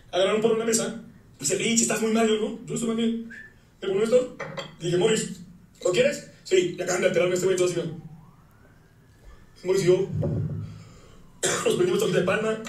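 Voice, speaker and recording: A man's voice: sits high, a little mellow. A man with a Mexican accent telling a heated story in a rant, coarse and slangy, acting out the lines of others. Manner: fast, coarse, slangy, acts out quotes. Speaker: comedian recounting a wedding fight. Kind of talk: ranting storytelling. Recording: echoey, distant, faint noise.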